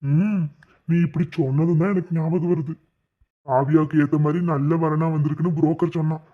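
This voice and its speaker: A man voicing a stern, bossy middle-aged village father in a cartoon, speaking gruffly. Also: on the high side, steady tone, fairly quick, natural voice. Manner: gruff, ordering. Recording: tinny phone-like sound.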